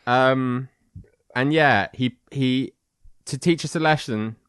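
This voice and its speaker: A man's voice: mid-range voice, slow, fairly bright tone, clean tone, no echo, studio quality. A young man co-hosting a podcast, drunk, telling stories with lots of hesitation. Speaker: podcast co-host. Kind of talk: drunk casual storytelling.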